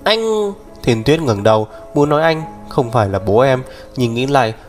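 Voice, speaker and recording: A man narrating an audiobook in a mid-range voice. He reads steadily and evenly. Soft music plays faintly under his voice. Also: medium pitch, brisk. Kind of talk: scripted narration.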